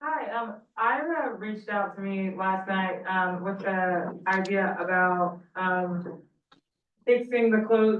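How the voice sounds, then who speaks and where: Woman on a bad phone connection. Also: mid-range voice. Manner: hesitant, with many fillers. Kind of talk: question at an online public meeting. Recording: tinny, echoey phone line from far off.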